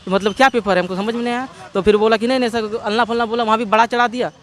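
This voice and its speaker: Young man, Jharkhand Hindi accent, high voice, rambling testimony outdoors with traffic behind. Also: fairly even intonation, rapid-fire. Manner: rambling retelling, quotes others' words, restarts. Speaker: interviewee recounting police custody. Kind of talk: emotional first-person testimony.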